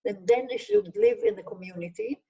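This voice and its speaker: Through a distant and dull lo-fi video call, an older Israeli woman, a Hebrew-speaking sociologist, responds to questions in an online masterclass at a slightly quick pace. Her mid-range voice is warm, and she speaks earnestly, using lists and frequently starting over to stress her points.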